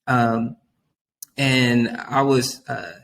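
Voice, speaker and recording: A man as a youth worker guest on a podcast, talking in an earnest, animated way and often dropping "man" into his sentences. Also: mid-range voice, extremely slow, slight background noise, low-quality recording. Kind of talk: casual podcast interview.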